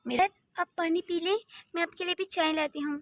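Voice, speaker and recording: A woman voicing a meek, polite young housemaid in a cartoon story, speaking quietly. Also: extremely high pitch, fairly even intonation, a little fast, no room sound.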